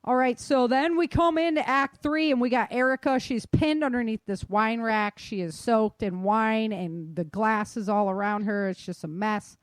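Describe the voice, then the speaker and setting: At a moderate pace with few pauses, an American woman speaks in a fairly high voice on a dry recording. As a podcast host and author in a casual discussion, she explains her points and often checks in with "right?" and "you know".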